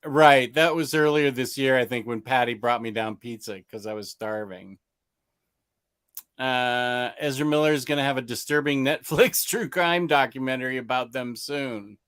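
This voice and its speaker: A middle-aged man from the US hosts a loose comics chat and reads out viewer questions. He rambles and restarts mid-sentence, with plenty of chuckling. His voice sits at a medium pitch and sounds close and dry, with no room around it. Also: moderate pace, fairly bright tone, smooth, dry recording. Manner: rambling, self-interrupting, chuckles often. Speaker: comics channel host.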